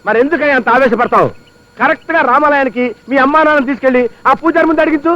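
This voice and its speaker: Wisecracking husband, high voice, quick, dull old film sound. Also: male voice, pushed and bright. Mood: teasing. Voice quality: wisecracking, chatty. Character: joking middle-aged husband, teasing and glib. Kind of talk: film comedy acting.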